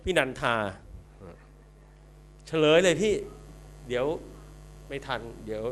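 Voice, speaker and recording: A man emceeing a guessing game at a celebration, excited and exclaiming as he coaxes the crowd. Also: medium pitch, slow, slight background noise. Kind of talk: lively event hosting.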